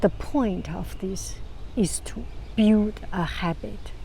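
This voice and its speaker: Speaking to camera, this vlogger gives easygoing advice at a relaxed pace, her Chinese-accented voice low and gentle. She frequently starts phrases over and occasionally lowers her voice to a whisper, and there's a little background noise.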